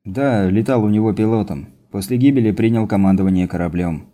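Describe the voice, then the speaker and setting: A man's voice: on the low side, brisk, dark tone, close to an everyday voice. A man voicing an eager young male lieutenant pilot in an audiobook. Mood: earnest.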